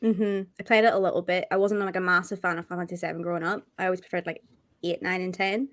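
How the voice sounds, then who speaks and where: A woman co-hosting a casual gaming podcast, chatty and quick to giggle. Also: lowish voice, level tone. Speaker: podcast co-host.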